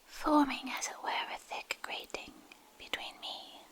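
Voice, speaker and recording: In an intimate, hushed whisper, a woman narrates a literary fantasy tale for ASMR listeners, breaking it into short phrases with pauses. The breathy voice comes through a close binaural microphone, ear to ear.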